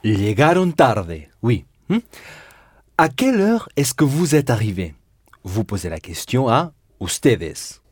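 Patient man teaching Spanish, lively slow delivery. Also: medium pitch, husky, no echo, clean studio sound. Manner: patient, repeats answers with tag "hein?". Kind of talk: language lesson drilling conjugations.

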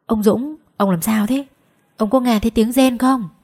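Woman voicing boastful village man, loud, emphatic, husky, spoken ghost story. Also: on the high side, normal speed, pitched above the performer's own voice. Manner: raised, emphatic.

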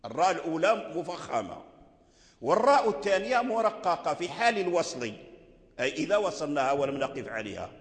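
A man teaching rules of Quranic recitation, explaining slowly and repeating example words. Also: on the high side, big pitch swings. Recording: long hall reverb.

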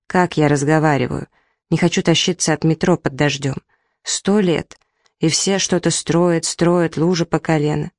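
A woman's voice: deep voice, fairly even intonation, moderate pace, a little mellow, no echo. A woman reading the lines of a short-tempered young husband aloud from a story, in a dry room. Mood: plaintive. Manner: short-tempered, snapping, rude. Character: irritable young husband, thirty.

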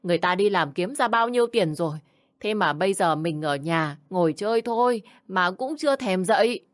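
Woman playing a shrill scolding mother-in-law. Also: expressive, moderate pace, no room sound, studio quality, lightly acted. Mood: ranting. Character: sharp-tongued older mother-in-law, bossy and contemptuous.

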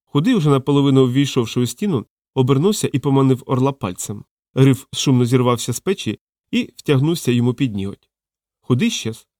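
Guy reading an audiobook, mid pitch, dry close sound, lively. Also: brisk, no echo. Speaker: audiobook narrator.

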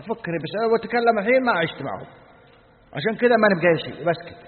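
A man teaching a religious lesson. He asks his students questions and then answers them himself. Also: on the high side. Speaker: sheikh teaching a book. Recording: phone-like sound in a reverberant hall.

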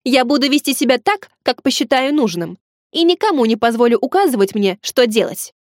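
A bossy, irritable young woman, read by a female narrator snaps and lectures in a fairly high voice. The recording is close and dry. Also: expressive, a little fast, no room sound. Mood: defiant. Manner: syrupy, then snappish.

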